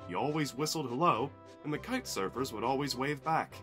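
A man narrating a children's train story in an expressive storybook reading. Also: medium pitch, brisk, soft background music.

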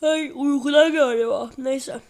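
A woman's voice: high-pitched, unhurried, darkish tone. A sleepy woman hosting a football video game channel, chatting casually and rambling while she plays. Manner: chatty, rambling, repeats "neyse" often. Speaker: gaming channel host.

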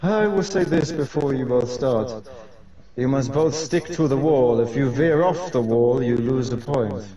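A man's voice: mid-range voice, unhurried, dark tone, natural voice. Man playing a formal joust announcer, muffled and echoey. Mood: stern. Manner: ceremonial, commanding announcer. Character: formal male Gitanian joust official announcing contests and prizes. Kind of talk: in-character game role-play. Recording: muffled, echoey, distant game voice chat.

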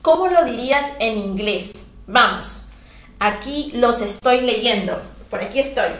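A woman teaching a lively, chatty language lesson, encouraging her viewers and reading their comments as she goes. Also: on the high side, unhurried. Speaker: English teacher. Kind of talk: live-streamed language lesson. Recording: echoey room, voice far from the mic.

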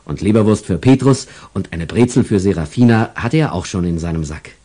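Male children's storybook narrator, lively pitch, mellow and husky. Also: brisk.

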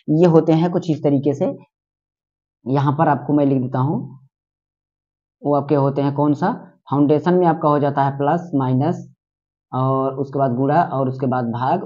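A man's voice: on the high side, warm tone, dull audio. A man teaching maths in a casual, repetitive, step-by-step way, writing things out as he explains. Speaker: maths tutor.

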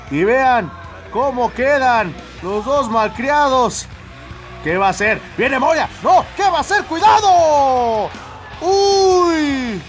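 High-pitched Mexican man calling lucha libre. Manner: excitable, exclamatory. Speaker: wrestling commentator. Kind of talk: live lucha libre play-by-play commentary.

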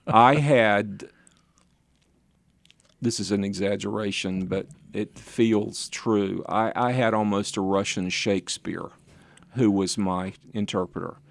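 A man's voice: on the low side, steady tone, slow, vocal fry, no room sound. An older man, a pastor being interviewed, telling stories in a rambling, self-deprecating way with chuckling asides. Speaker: pastor and author, guest. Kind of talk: conversational interview storytelling.

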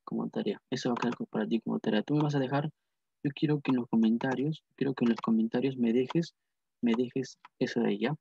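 A man's voice: mid-range voice, steady tone, quick pace, vocal fry, background noise. A man teaching a math lesson, repeating phrases and asking and answering his own questions. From Peru. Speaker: math tutor. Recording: dull lo-fi dry sound.

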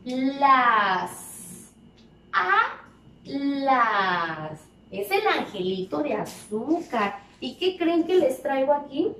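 A woman's voice: high-pitched, sing-song, a little slow, hardly any pauses. A woman teaching preschoolers, stretching out each word and asking sing-song questions. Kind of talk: slow, exaggerated teaching to small children. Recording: echoey room, voice from a distance, faint background noise.

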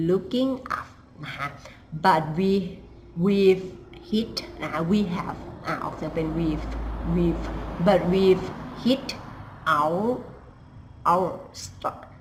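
A woman teaches English pronunciation, explaining in Thai and stretching each English phrase out slowly for her students. Her voice sits a little low and her pace is very unhurried. A faint hiss lies under the recording. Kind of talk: language lesson, repeating phrases slowly.

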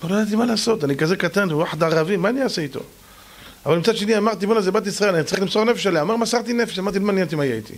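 Animated storytelling rabbi, a man. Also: high voice. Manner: animated, acts out quoted voices, exclamatory; addresses listeners directly as gentlemen. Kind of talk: storytelling sermon.

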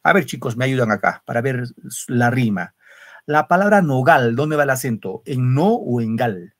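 A man's voice: mid-range voice, animated, normal speed. A male secondary school literature teacher giving an online class over a video call, explaining step by step and often checking with students. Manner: explains step by step, keeps asking students questions with tag "¿no?".

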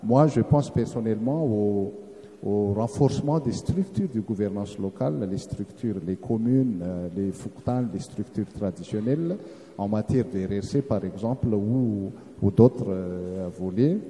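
A man giving an earnest, halting conference presentation as a round-table panelist, often restarting his phrases. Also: lowish voice, dark tone. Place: seminar hall. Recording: echoey hall with long reverb.

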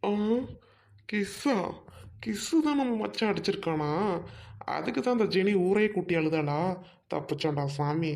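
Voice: mid-range voice, lively intonation, normal speed, vocal fry, pauses often, a little mellow. A performer doing an exasperated college buddy. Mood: relieved. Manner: exasperated, teasing, slangy. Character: young college man, exasperated joking buddy. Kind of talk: Tamil audio drama acting.

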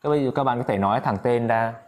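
A Vietnamese-speaking man teaching an English lesson in a casual spoken style, repeating phrases slowly and often turning to his listeners. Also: medium pitch, darkish tone.

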